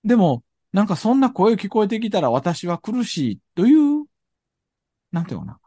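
Kansai man, lively rising-and-falling pitch, dry close sound, ponders as he talks. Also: normal speed, dry recording. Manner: thoughtful, searching for words. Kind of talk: reflective discussion.

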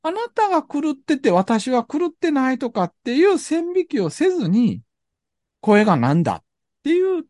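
A man's voice: extremely high pitch, huge pitch swings, normal speed, darkish tone, no room sound. A man with a Kansai accent hosting a reflective discussion, thinking aloud and often searching for his words.

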